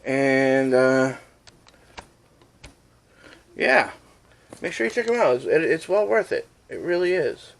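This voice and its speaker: A man's voice: medium pitch, big pitch swings, slow pace, creaky, pauses often. Joking man walking through a home recipe. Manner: joking, rambling, talks while cooking. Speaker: cooking channel host. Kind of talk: casual cooking vlog. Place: home kitchen.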